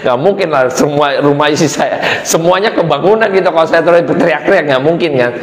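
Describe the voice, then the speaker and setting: Male pastor, middle-aged, chatty animated sermon, fairly high voice, roomy hall with long reverb. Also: brisk. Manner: conversational, animated preaching with fillers.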